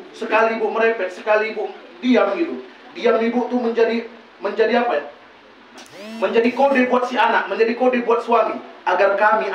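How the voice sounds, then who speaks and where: A man preaching animatedly, throwing out rhetorical questions and answering them himself. His very high voice carries from a distance through a prayer house full of echo. The recording is dull, with a faint ambient hum. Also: a bit bright. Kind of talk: lively village sermon. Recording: very echoey room, distant mic, dull.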